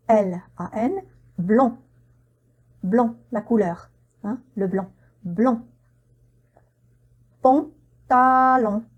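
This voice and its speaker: A woman teaching French pronunciation, spelling out words letter by letter and repeating each one slowly and carefully. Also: a little high, warm tone. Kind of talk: slow, careful pronunciation lesson.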